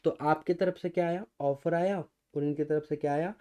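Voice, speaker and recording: Higher-pitched Indian man, quizzing lecturer. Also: fairly even intonation, normal speed, mellow. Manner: quizzes students with repeated rhetorical questions; mixes Hindi and English, addresses students as guys. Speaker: law lecturer. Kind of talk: recorded exam-prep lecture.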